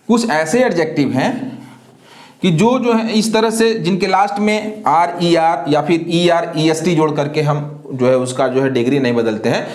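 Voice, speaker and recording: A man teaching an English grammar lesson, who asks questions and answers them himself, slow and deliberate, often spelling words letter by letter. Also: on the high side, a little mellow, roomy sound. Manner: slow and deliberate, repeats filler phrases.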